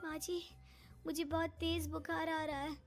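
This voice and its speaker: A woman's voice: very high-pitched, flat delivery, normal speed, music in the background, pitched above the performer's own voice. Woman playing an indignant young daughter-in-law. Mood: weak. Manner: indignant, complaining. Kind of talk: animated storybook voice acting.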